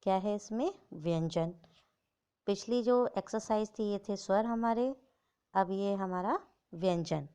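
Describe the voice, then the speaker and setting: A woman's voice: medium pitch, a little slow, warm tone, clear, resonant tone. A woman teaching young children the Hindi alphabet, patiently explaining and sounding out letters one by one, often checking in with short tags.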